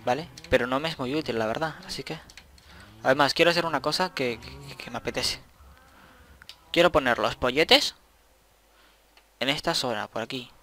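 Bright-voiced Spanish gaming guy. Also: mid-range voice, normal speed, long pauses. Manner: rambling, talks to himself, swears at the game. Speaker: gaming channel host. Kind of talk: casual gameplay commentary.

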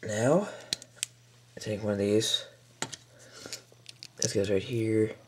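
Deep-voiced man giving halting build instructions. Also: a little hiss or hum. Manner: relaxed, halting, lots of fillers and mild mutters. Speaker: toy building tutorial maker. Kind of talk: casual step-by-step build instructions. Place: indoors at a table.

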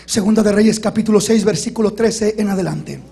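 A man's voice: sits high, a little fast, gravelly, mellow, slightly rough. A man pastor giving an impassioned sermon and acting out the complaints he quotes.

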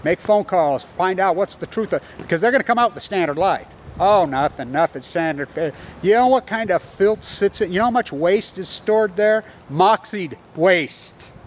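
A man in his fifties delivers a furious, profane rant with a high-pitched voice. He speaks urgently into a phone held at arm's length, standing outdoors. Faint background noise sits under his voice. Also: moderate pace, few pauses. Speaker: video blogger. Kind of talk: angry selfie rant. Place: outdoors on a campus lawn. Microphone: phone camera at arm's length.

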